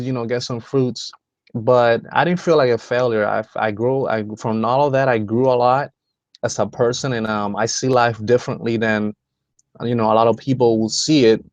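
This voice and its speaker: With a clear, resonant mid-range voice, the Dominican host of a motivational video call wanders through his talk, restarting often and leaning on fillers. The recording is dry, and its high frequencies are cut off.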